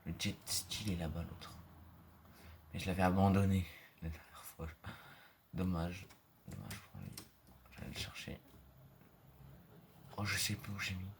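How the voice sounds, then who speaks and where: A man giving casual, rambling gameplay commentary full of fillers, sometimes dropping into quiet murmurs. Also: sits low, level tone, normal speed, long pauses, a little hiss or hum. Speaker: gaming video creator. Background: mouse and keyboard clicks.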